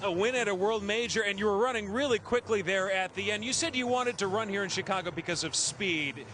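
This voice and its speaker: A male reporter conducts a live finish-line interview outdoors. His voice sits high for a man and he talks quickly, with clear street noise around him. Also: sharp tone. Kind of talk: live post-race interview. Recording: noisy outdoor street broadcast. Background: clear ambient street noise.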